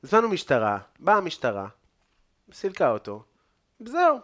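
A man's voice: sits high, huge pitch swings, a bit bright. A man hosting a podcast and cooking, telling anecdotes in a laid-back, slangy way. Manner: laid-back storytelling, slangy, acts out quoted speech. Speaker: podcast host and cook. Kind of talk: casual chat, telling anecdotes. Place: loft apartment, cooking and eating.

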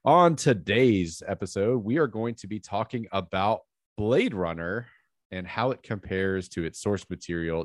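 An American man with a croaky, frog-like voice, sniffly with a cold, hosting a casual film podcast in a chatty way full of asides. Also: low-pitched, a little mellow, no room sound, clean studio sound. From southeastern United States. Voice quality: croaky, froggy voice. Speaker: podcast host.

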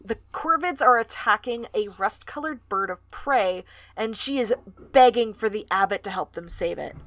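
Higher-voiced woman recapping a book. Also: a bit bright, dry recording. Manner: chatty, swears casually, recaps the plot. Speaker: podcast co-host. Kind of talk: casual book discussion.

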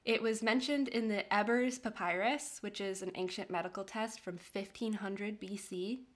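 A woman's voice: mid-range voice, steady tone, moderate pace. A woman co-hosting a casual podcast, reading out history notes in a chatty way and laughing often. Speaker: podcast co-host.

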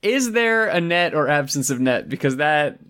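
A man co-hosting a podcast, making dry, deadpan jokes while recapping an anime. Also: fairly high pitch, moderate pace. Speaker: podcast co-host. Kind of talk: casual anime recap chat.

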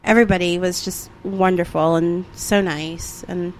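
A woman's voice: lowish voice, fairly even intonation, moderate pace, slight background noise, rough recording. A woman chatting casually as the co-host of a podcast. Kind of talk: casual chat.

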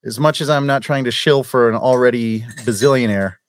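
A man co-hosting a casual podcast, jokey and laughing often in lively banter. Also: medium pitch, fairly quick, no echo. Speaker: podcast co-host.

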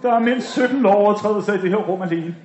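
A man voicing a loud, bossy male cop who barks orders in a dull, echoey room recording. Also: high voice, close to an everyday voice. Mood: shouting. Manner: shouting, blustering.

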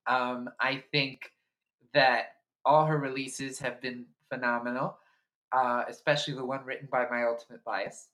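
A man's voice: medium pitch, level tone, normal speed, pushed and bright. A man co-hosting a podcast in casual chat, hesitant, with many fillers and self-corrections. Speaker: podcast co-host.

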